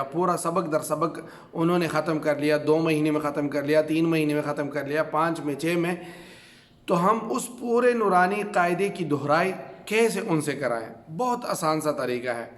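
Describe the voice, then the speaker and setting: A man with a Pakistani Urdu accent leads a reading lesson at a whiteboard. He drills question after answer, pausing with fillers. His slightly high voice rings in a roomy space with long reverb. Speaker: Quran reading teacher. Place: classroom with a board. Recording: echoey room with long reverb.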